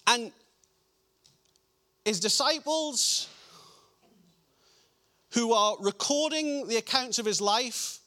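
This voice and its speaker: During a sermon, a man reads scripture passages in a lower, softer voice, slowing down to emphasize key lines.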